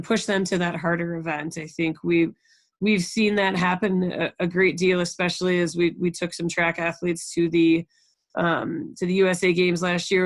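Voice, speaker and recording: An American program coordinator leads a conference call, giving coaches an informal, encouraging instructional briefing and frequently checking in with the group. Her voice is on the low side, with no room sound.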